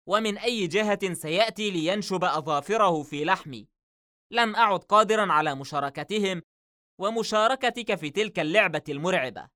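A jittery young man in a novel read aloud, voiced by a man. His speech is tense and uneasy. The pitch sits higher than the narrator's plain voice. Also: pushed and bright. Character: nervous, anxious young man under pressure.

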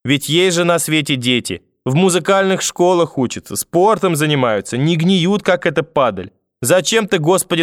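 A man's voice: medium pitch, no echo, studio quality, lightly acted. A man voicing a hysterical, furious old grandmother who screams threats and wails prayers.

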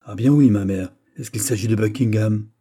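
A man's voice: fairly low pitch, mellow, lightly acted. A man reading aloud, voicing a jealous, petulant royal prince who turns bitter and angry. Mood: furious. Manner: bitter, quick to anger, whining.

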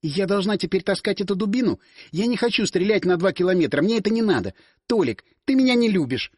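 A man's voice: high voice, lively intonation, quick pace, breathy edge, dry recording, clean studio sound. A man doing a wheedling young woman. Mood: whiny. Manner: wheedling, whiny. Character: cheeky red-haired young woman nicknamed Squirrel, wheedling.

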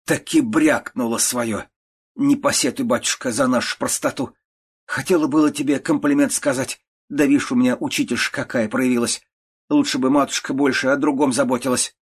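A man's voice: steady tone, brisk, slightly rough, close to an everyday voice. A man voicing a sick, querulous old aunt who scolds and grumbles, in an audiobook reading. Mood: angry scolding. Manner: scolding, grumbling, shrill outbursts.

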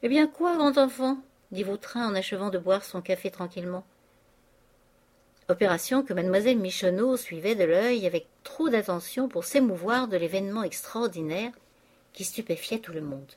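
A woman narrating a classic novel as an audiobook in a measured, expressive way. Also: mid-range voice. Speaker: audiobook reader.

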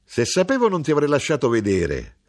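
A man's voice: medium pitch, sing-song, measured pace, voice pushed up. A man reading an audiobook voices a teasing, proud middle-aged Sicilian mother, with playful, mocking exclamations. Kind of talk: audiobook character voice.

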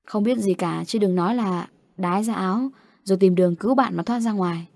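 A woman voicing a stern father in an audio story, speaking in a measured way. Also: mid-range voice, vocal fry, a little mellow, dry recording, clean studio sound.

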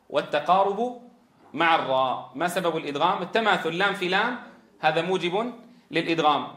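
A man's voice: high-pitched, a bit bright. A man teaching Quran recitation rules, quizzing his students with questions and then answering them himself. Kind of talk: tajweed rules lesson. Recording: roomy echo.

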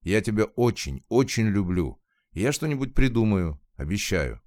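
A man voicing a gentle young man who comforts his sweetheart in a reassuring tone. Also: on the low side, sing-song, moderate pace, no room sound.

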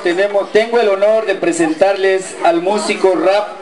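A man's voice: sits high, fairly even intonation, normal speed, crowd noise. A man serving as the event emcee, giving a formal, ceremonial stage introduction. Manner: announcing, ceremonial.

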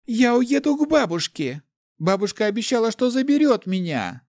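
Man putting on a crying scared little girl voice, high and wailing, storybook style. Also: big pitch swings, moderate pace, a little mellow, no echo, studio quality. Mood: terrified. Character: terrified young noble girl, sobbing and pleading. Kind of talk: audiobook character voice.

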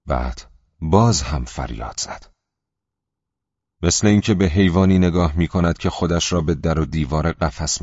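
Super deep guy reading an audiobook, steady and measured, dry muffled audio. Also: slightly rough, no echo. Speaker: audiobook narrator. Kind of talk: scripted audiobook narration.

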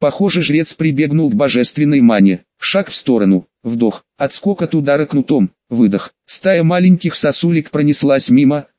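A man narrating a fantasy audiobook, reading dramatically and dropping into lower, louder voices for characters. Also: lively intonation, moderate pace, hardly any pauses, dry recording, muffled recording.

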